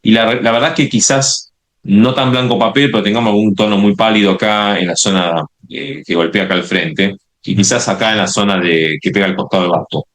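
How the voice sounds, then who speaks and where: A man's voice: lowish voice, steady tone, brisk, fairly bright tone. A man demonstrating a watercolor painting, explaining step by step and often checking in with "¿sí?". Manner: explanatory, many checking "¿sí?" tags and restarts. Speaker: watercolor instructor.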